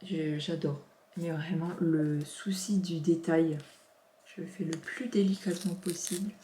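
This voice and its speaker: A woman's voice: sits low, fairly even intonation, a little slow, warm tone, a little hiss or hum. A woman in her thirties chatting casually as she unboxes parcels, gushing with many exclamations. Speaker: vlogger. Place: home office. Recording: roomy echo.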